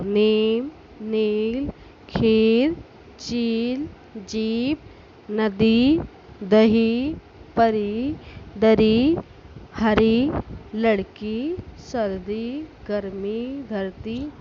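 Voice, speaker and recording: A woman teacher walks young pupils through a lesson at a very unhurried pace, breaking each word into its sounds. The recording is dull and lo-fi. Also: a little high. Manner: slow, patient, spelling out words sound by sound. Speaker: school teacher. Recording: dull lo-fi recording with faint noise.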